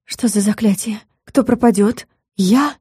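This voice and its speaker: A woman's voice: mid-range voice, moderate pace, mellow, breathy edge, no room sound, studio quality, lightly acted. Woman playing a young anxious witch. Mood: frightened. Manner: breathless, emotional exclamations.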